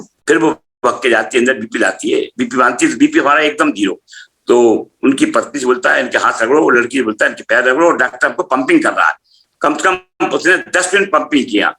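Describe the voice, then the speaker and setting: A man's voice: medium pitch, fairly quick, bright, forceful tone. A middle-aged man giving a personal testimony, telling his story animatedly and acting out the dialogue. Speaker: spiritual practitioner telling a testimony.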